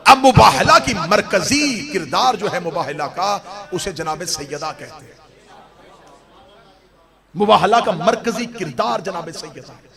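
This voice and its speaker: Man preaching, high-pitched voice, impassioned swells, crowd noise behind. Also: animated, gravelly. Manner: rises from low, slow recitation to loud, impassioned, near-sung climaxes. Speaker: Shia cleric giving a majlis. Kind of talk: sermon. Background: crowd reacting, cheering.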